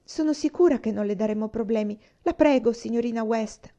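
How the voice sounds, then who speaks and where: A woman's voice: fairly high pitch, brisk, mellow, close to an everyday voice. A woman voicing a timid, tearful little girl who pleads earnestly in an audiobook reading. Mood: pleading. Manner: earnest, imploring, stammering.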